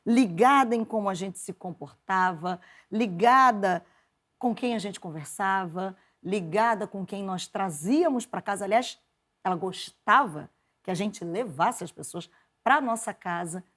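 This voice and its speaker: Lively Brazilian woman telling stories. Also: mid-range voice, measured pace. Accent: Brazilian Portuguese. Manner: lively, laughs often, quotes her mother in animated voices. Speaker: guest, journalist and preacher. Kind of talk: conversational interview storytelling.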